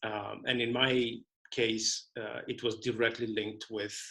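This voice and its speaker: Gravelly-voiced man from Romania. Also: fairly low pitch, level tone, a little slow, sharp tone, poor audio. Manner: thoughtful, hesitant with many fillers. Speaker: guest conductor. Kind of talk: casual interview conversation.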